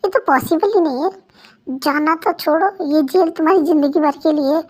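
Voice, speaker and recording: A woman's voice: high voice, moderate pace, lightly acted. A woman voicing a scornful young man who keeps his wife captive, in an amateur fan dub. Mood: cold taunting. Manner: taunting, scornful.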